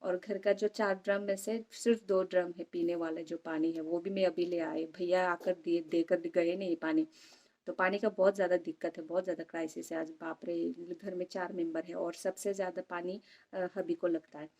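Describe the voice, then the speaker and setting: A woman's voice: fairly low pitch, fairly even intonation, moderate pace, darkish tone, dull audio. A young woman vlogging casually from home, chatting in a rambling way and often checking in her listener. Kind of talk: casual home vlog chat.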